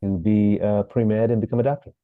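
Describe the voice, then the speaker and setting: A man from Sri Lanka, an actor, telling his story as a podcast guest in a relaxed way, with fillers. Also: on the low side, brisk, dry recording, narrow, tinny audio. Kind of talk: interview.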